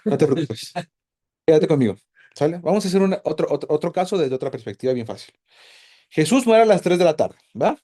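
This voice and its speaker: Male Bible teacher, slightly high and mellow, animated and questioning. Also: a little fast. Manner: animated, asks the class many questions. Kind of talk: casual teaching to a group.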